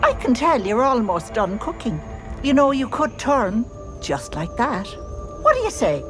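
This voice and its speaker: A woman's voice: fairly high pitch, very animated, unhurried, over music. A woman voicing a bossy, sly old auntie hag in a video game, folksy and cajoling, with menace under the sweetness. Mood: wheedling, sly.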